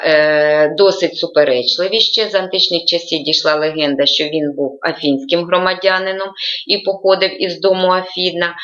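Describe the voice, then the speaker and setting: A woman teaching an online school lesson, reading from notes and often pausing to hesitate. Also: fairly low pitch, fairly bright tone, muffled recording. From Ukraine. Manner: reads from notes with frequent hesitations.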